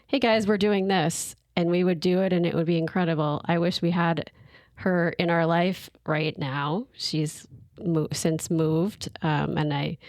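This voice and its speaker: Chatty woman with a lowish voice. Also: fairly even intonation, a little slow, a little mellow, no echo, clean studio sound. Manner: chatty, laughs often, trails off and restarts. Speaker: podcast co-host. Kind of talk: casual chat.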